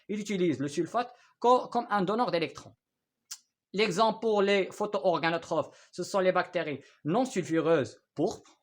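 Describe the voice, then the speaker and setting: Man from Morocco teaching biology. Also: high voice. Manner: explanatory, many hesitations, repeats key terms, checks understanding. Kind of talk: recorded lesson. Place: Canada.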